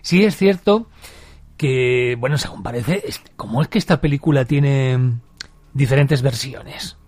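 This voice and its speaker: A man asking questions on a casual film podcast. He talks in a loose, conversational way and sometimes laughs at himself. His voice is mid-pitched and sits close and dry. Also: unhurried, a little mellow, slightly rough, dry recording.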